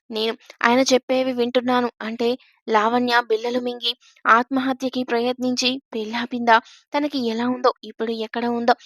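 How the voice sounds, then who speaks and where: A woman narrates a story in an even, scripted way. Her voice sits a little high and hardly rises or falls. The sound is dry and close, with no room around it. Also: no echo. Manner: steady, even reading of a first-person tale.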